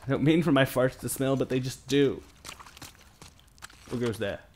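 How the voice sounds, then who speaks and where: A man's voice: medium pitch, moderate pace, a little mellow, slight background noise. A young man doing casual gameplay commentary, rambling to himself with crude jokes. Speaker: game streamer. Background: game music and sound.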